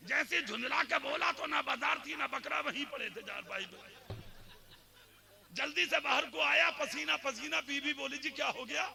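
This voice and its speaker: A man preaching an Islamic sermon at a religious gathering, telling stories quietly and then shouting the climaxes. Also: very high voice, gravelly. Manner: swings from soft storytelling to shouted oratory.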